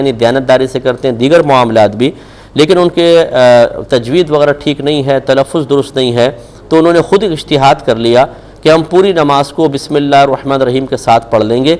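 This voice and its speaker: A man's voice: mid-range voice, a little mellow. A man with a Pakistani Urdu accent answering religious questions on a live TV show, speaking firmly and admonishingly with rhetorical questions.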